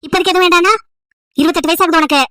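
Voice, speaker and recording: Woman voicing a high, bright, fast-talking old grandmother, scolding and pleading, dry close sound. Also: steady tone, dry recording. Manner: scolding, pleading, wailing complaints. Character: nagging old village grandmother, emotional, wants great-grandchildren.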